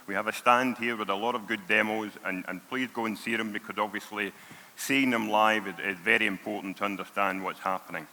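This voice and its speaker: Forceful Scottish man presenting in a reverberant hall. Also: lowish voice. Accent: broad Scottish. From Scotland. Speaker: conference speaker, payments product lead. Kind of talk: conference presentation to an audience. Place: on stage in a large hall. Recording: reverberant large hall sound.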